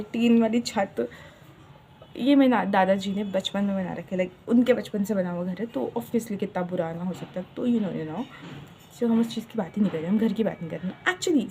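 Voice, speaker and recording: A young woman from Uttarakhand talks to her channel in an easy, chatty vlog. Her voice sits a little high, and she mixes Hindi and English with playful, dramatic asides. Faint household ambience hums behind her. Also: warm tone, a little hiss or hum. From Uttarakhand, India. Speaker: vlogger.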